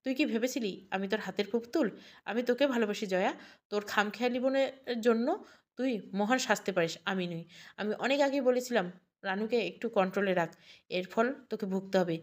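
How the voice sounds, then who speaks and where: A woman's voice: mid-range voice, fairly quick, natural voice. A woman voicing a hurt, indignant young man in a spoken audio story. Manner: indignant, sharp reproaches.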